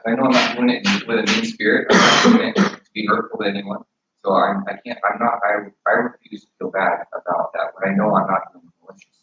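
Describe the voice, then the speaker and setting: A man's voice: mid-range voice, background noise. A man talking casually and earnestly, rambling with many restarts as he argues his point. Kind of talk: casual argument. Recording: echoey room, far from mic, dull.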